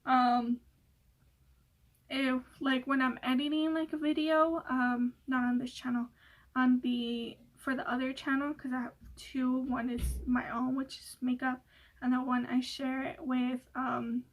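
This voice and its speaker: A woman's voice: sits high, little pitch movement, a little slow. A young woman vlogger chatting casually through a Q&A, rambling with many fillers and laughing often. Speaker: beauty vlogger. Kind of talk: casual Q&A chat.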